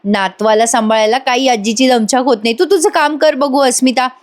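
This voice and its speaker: A woman's voice: a little high, a little fast, natural voice. A woman voicing a proud, fussy grandmother who scolds her worried daughter in a serial recap. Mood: scolding. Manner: scolding, indignant.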